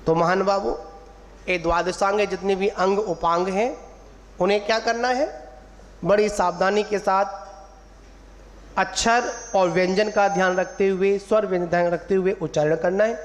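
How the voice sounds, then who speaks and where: A man's voice: high-pitched, fairly even intonation, normal speed. A man, a monk, giving a sermon to an assembly, drawing out syllables to teach pronunciation and quizzing his listeners. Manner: teacherly, drawing out syllables to model pronunciation, asks the audience questions. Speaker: Jain monk preacher. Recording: long hall reverb, faint room ambience.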